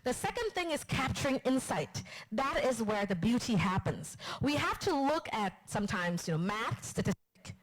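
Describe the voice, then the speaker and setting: A woman from Vietnam giving a live marketing class, chatty and lively, asking the room questions. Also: a little high, moderate pace, rough recording. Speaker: marketing instructor. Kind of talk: live class lecture to an audience. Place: lecture room with audience.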